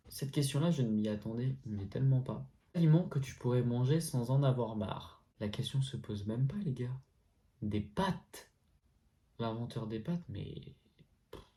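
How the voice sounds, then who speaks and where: A man in his twenties, answering viewer questions in a relaxed, chatty vlog with lots of fillers and slang. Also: mid-range voice. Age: 20s. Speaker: YouTuber answering a FAQ. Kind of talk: casual vlog chat. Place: at home, indoors.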